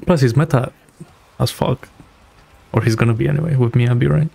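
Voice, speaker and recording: Sitting indoors in a small home room, this young streamer reacts live in loose, slangy commentary into a boom-mounted broadcast mic placed close. He talks briskly in a mid-range, mellow voice that's creaky with a breathy edge. Behind him you can hear music from the video he's watching.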